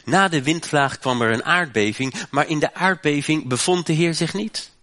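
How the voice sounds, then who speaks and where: A man's voice: fairly high pitch, normal speed, pushed and bright. A man from the Netherlands preaching a sermon as pastor, earnest, repeating his phrases and tagging them with little questions.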